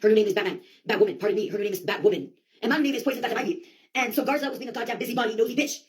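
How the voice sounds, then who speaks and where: A woman with a fairly high voice fires off a rambling comic monologue at rapid speed, swearing freely, using slang, and acting out quoted outbursts theatrically.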